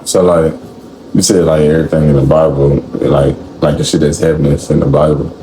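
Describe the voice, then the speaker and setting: Young guy with a real low, mellow voice, blunt and swearing, echoey room. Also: a little fast. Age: 20s. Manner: blunt, profane, animated. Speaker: guest. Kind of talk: casual chat. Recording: echoey room, faint room noise.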